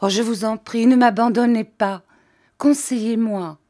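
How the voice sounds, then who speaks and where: A woman's voice: mid-range voice, expressive, measured pace, dark tone. A woman voicing a meek, frightened young wife who pleads and sobs in an audiobook reading. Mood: pleading. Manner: pleading, sobbing, helpless.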